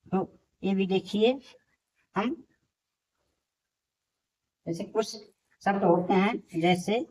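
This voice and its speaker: A woman's voice: medium pitch, slow pace, a little mellow, breathy edge. A woman teaching a lesson step by step, patient and repeating each point. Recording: dull lo-fi recording.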